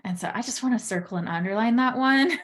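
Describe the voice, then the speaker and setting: A woman hosting a podcast, speaking in an affirming, personal way as she talks with her guest. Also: fairly high pitch. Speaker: podcast host. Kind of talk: conversational interview.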